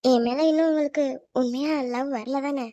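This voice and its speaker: A woman's voice: steady tone, warm tone, no room sound, lo-fi sound, lightly acted. A woman voicing an anxious young newlywed wife who frets and pleads in a cartoon. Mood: earnest. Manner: high, quick, fretful self-talk.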